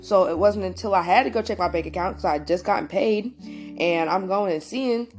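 Young woman ranting through a story to her listeners, lively, blunt, swears a lot, regular pitch. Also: brisk, faint music behind. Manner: animated, emphatic, addresses listeners directly, swears. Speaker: host. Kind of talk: casual storytelling monologue.

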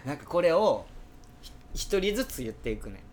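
A man's voice: on the high side, big pitch swings, fairly quick, a little mellow, a little hiss or hum. A man with a Kansai accent hosting a casual podcast chat, laughing often and tripping over tongue twisters. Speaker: podcast host.

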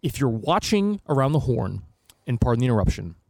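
Mellow-voiced man ranting on a podcast. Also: medium pitch, very animated, brisk, vocal fry, no echo. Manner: rambling, profane, opinionated. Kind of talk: casual political and media chat.

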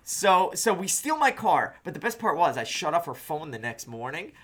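A man's voice: on the high side, big pitch swings, normal speed, fairly bright tone. A man in his forties telling a wild story in casual, profane chat, laughing often and putting on voices for the people he quotes. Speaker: podcast guest.

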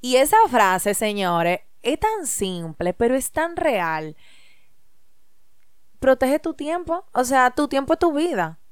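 A woman co-hosting a podcast in casual chat, quick and chatty as she tells a story. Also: on the high side, sing-song, smooth, no room sound, studio quality. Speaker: podcast co-host.

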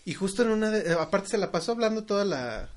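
Animated Mexican man telling stories. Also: high voice, quick pace. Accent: Mexican Spanish. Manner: animated storyteller, mimics voices in anecdotes. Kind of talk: casual podcast chat.

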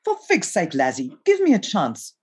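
A woman's voice: lowish voice, wildly swooping pitch, husky, full character voice. A woman voicing a bold, bossy young woman in her own novel, giving orders to her little brother. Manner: bossy, quick-tongued and loud. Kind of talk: reading her novel aloud.

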